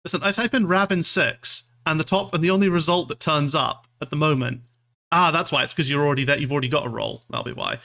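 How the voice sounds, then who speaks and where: A man's voice: fairly high pitch, fast, creaky, sharp tone. A man from Scotland chatting casually as a livestream host, rambling and self-deprecating, with some casual swearing. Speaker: streamer, VTuber.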